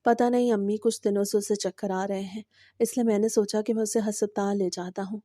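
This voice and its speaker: A patient, devoted young husband speaks gently and evenly, read by a woman narrator. The tone is very dark and mellow, and the recording is dry and close with no room sound. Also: mid-range voice, steady tone, dry recording, close to an everyday voice. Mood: concerned.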